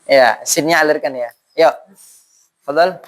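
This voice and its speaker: A man teaching Quran recitation in a mosque, modeling syllables slowly and leading students to repeat. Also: on the high side. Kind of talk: tahsin lesson with call-and-response drilling.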